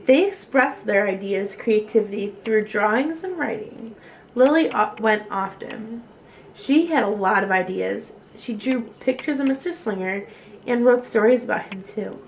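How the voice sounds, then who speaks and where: A woman storyteller with a medium-pitched, gravelly voice reads a children's picture book aloud, phrasing it expressively and deliberately. The recording is rough.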